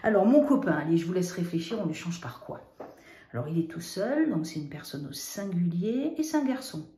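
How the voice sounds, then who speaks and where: A woman's voice: lowish voice, very animated, fairly quick, mellow, echoey room, slight background noise. A woman teaching children spelling and grammar. She asks questions, answers them herself, and spells out word endings letter by letter.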